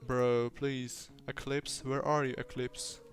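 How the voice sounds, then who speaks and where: A man livestreaming his design work in a fake British accent, rambling playfully to himself and his software. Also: mid-range voice, flat delivery, takes it slowly. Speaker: streamer. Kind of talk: livestream self-talk while doing design work.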